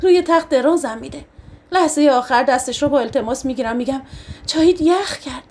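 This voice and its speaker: A woman narrating a novel in the first person for an audiobook, reading in an emotional, expressive way. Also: high-pitched.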